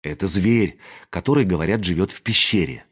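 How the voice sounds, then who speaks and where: A man reading an audiobook aloud, voicing a wary young woman who talks in a hushed whisper. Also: sits low, fairly quick, breathy edge. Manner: whispering, hushed and matter-of-fact.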